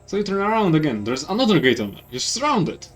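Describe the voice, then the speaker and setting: Polish-accented man, let's play narration, fairly high voice, very animated, faint music behind. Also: quick pace. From Poland. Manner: reads with stumbles and self-corrections. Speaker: gaming YouTuber. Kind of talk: let's play, reading game text aloud. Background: faint game music.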